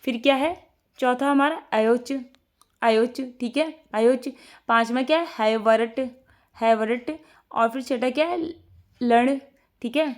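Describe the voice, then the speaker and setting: A woman's voice: fairly high pitch, measured pace, pauses often. A woman teacher giving an online exam-prep lesson, drilling her students by asking a question and answering it herself, repeating each item.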